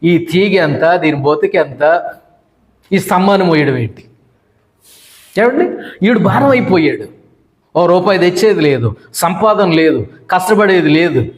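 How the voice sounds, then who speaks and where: A middle-aged pastor with a high voice preaches with fervent emphasis. He stacks up repeated phrases and slips into the voices of the people in his stories. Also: animated, unhurried, long pauses. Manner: emphatic preaching with long repeated lists and quoted voices of wives. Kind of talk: sermon.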